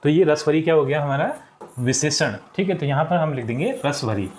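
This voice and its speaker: Male teacher, slightly higher voice, patient and repetitive, talking young pupils through exercises. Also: a little fast, darkish tone, a little hiss or hum. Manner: patient, repeats answers and checks with "ठीक". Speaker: school teacher. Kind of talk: explaining a textbook lesson to children.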